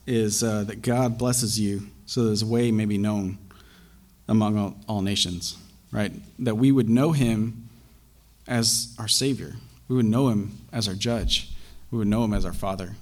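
A young man preaching a sermon, talking in a halting way with frequent fillers and restarts. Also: lowish voice.

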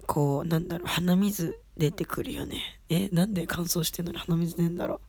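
With no echo in the recording, the idol radio host chats alone in a casual, rambling, self-deprecating way. Her raspy, husky voice sits on the low side with a darkish tone, and her delivery is brisk.

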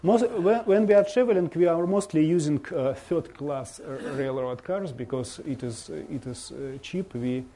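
A man from Russia with a Russian accent gives an informal slideshow talk as a visiting bishop, speaking halting non-native English and searching for words. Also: on the high side, warm tone. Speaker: bishop giving a guest presentation.

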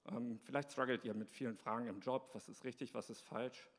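A man's voice: mid-range voice, steady tone, fairly quick, a bit bright. Guy giving an earnest, encouraging devotional talk, mid voice, echoey hall. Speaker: speaker of a short devotional talk. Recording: long reverb in a hall.

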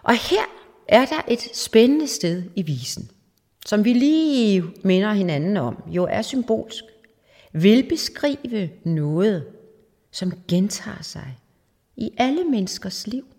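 A woman retelling an old ballad in an informal, lively way, with dramatic asides and humor. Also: mid-range voice. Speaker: speaker explaining a folk ballad. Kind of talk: informal storytelling lecture. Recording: long hall reverb.

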